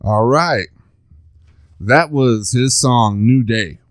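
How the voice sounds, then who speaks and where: A man's voice: mid-range voice, drawn-out words, smooth, dry recording, studio quality, soft background music. A man hosting a podcast who chats casually, teases his guest and jokes around. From Texas. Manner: jokey, teasing, chatty. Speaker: podcast host. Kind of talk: casual interview chat.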